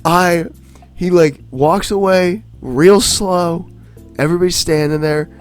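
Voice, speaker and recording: Male podcast co-host, rambling enthusiast, raised pitch, soft music bed. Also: takes it slowly. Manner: excited, rambling, many fillers and restarts. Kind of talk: casual chat.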